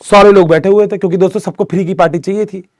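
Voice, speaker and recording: Chatty young male biology teacher, high voice. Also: steady tone, very fast, dry recording, studio quality. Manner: chatty, addresses students as beta, jokes often. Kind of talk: casual classroom lecture with storytelling.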